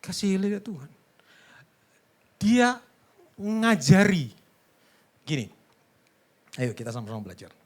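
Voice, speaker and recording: A preacher delivering a conversational sermon, swinging between loud emphasis and hushed near-whispers and asking the congregation questions. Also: medium pitch, big pitch swings, a little slow, pauses often.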